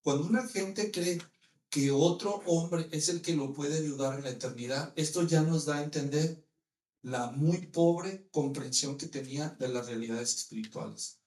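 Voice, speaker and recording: A man preaching a sermon, lively, with many rhetorical questions to his listeners. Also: a little high, echoey room.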